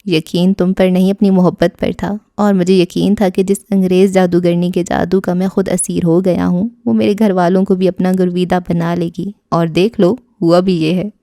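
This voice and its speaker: A woman's voice: lowish voice, flat delivery, hardly any pauses, mellow, no echo, clean studio sound, close to an everyday voice. A woman voicing a playful, teasing young man wooing his bride in an audio novel. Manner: teasing, confident.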